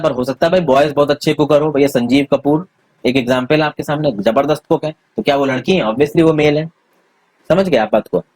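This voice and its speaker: A man's voice: on the high side, darkish tone, slightly rough, no room sound. A man teaching a civics lesson, explaining step by step and asking if students follow. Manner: explains step by step, checks understanding with questions. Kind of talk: Hindi-English civics lesson.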